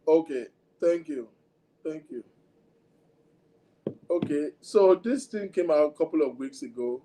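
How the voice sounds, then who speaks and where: Expressive and unhurried, this man's slightly high, mellow voice carries a Nigerian accent as he hosts a casual livestream. He rambles chattily, code-switches, speaks right to his viewers, and refers to himself as having a big voice.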